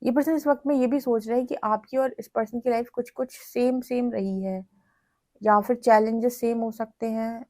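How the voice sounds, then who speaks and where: A woman's voice: fairly high pitch, fairly even intonation, normal speed, mellow, no room sound. A woman with an Indian accent giving a tarot reading to her viewers, speaking in chatty, direct Hinglish. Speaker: tarot reader.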